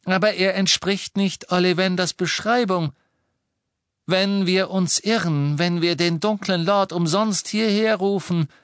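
A man voicing a poised aristocratic witch with a cold, clear voice. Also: sits high, fairly even intonation, measured pace, fairly bright tone, dry recording, voice pushed up.

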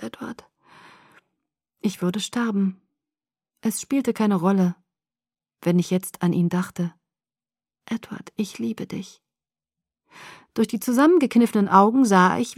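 A woman reading a first-person audiobook in a steady, measured way. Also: mid-range voice, dry recording, studio quality. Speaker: audiobook narrator. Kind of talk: scripted first-person narration.

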